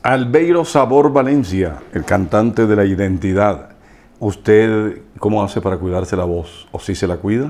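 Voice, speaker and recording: A man's voice: lowish voice, measured pace, a little mellow, soft background music. A man hosting an interview, asking chatty, rambling questions. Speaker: interview host.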